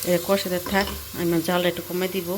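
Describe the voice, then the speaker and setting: A Bangladeshi woman vlogging casually as she cooks at home, explaining each step in a chatty way, her voice hoarse from a cold. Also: on the low side, level tone, fast talker, background noise. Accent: Bangladeshi Bengali. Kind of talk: casual cooking vlog. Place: home kitchen.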